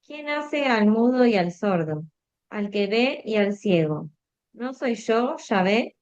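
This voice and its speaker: A woman's voice: mid-range voice, expressive, slow pace, darkish tone, dull audio. A woman reading scripture aloud steadily and carefully, away from the microphone. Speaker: scripture reader.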